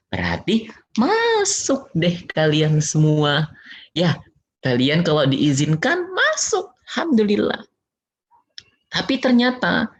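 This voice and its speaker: A children's religious teacher with a mid-range voice tells kids a playful story lesson, acting out knocks and sounds and chuckling a little. The recording is dull and lo-fi, with a bit of hiss or hum.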